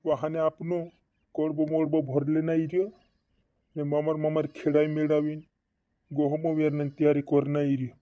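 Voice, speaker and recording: In regional comedy cartoon dialogue, a man voices a fretting villager who repeats and doubles his words. His natural, fairly high voice is delivered completely flat at a moderate pace. The audio is dull, lo-fi and dry.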